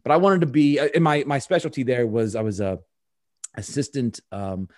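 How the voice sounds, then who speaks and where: A man's voice: medium pitch, expressive, normal speed, darkish tone, dry recording, studio quality. A man as a podcast guest, chatty and joking, with many fillers. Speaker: performance consultant. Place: Pennsylvania.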